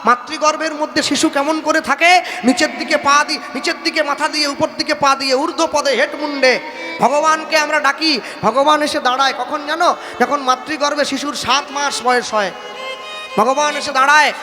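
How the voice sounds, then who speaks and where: A man's voice: extremely high pitch, steady tone, normal speed, pushed and bright. A man preaching a devotional sermon in an impassioned, sing-song manner, breaking into chanted verses. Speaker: kirtan preacher. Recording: echoey hall, faint music behind.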